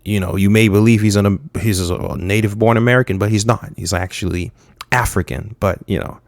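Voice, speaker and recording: A young man from Haiti giving frank, halting political commentary, with many fillers and restarts. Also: lowish voice, steady tone, no echo, clean studio sound. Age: young adult.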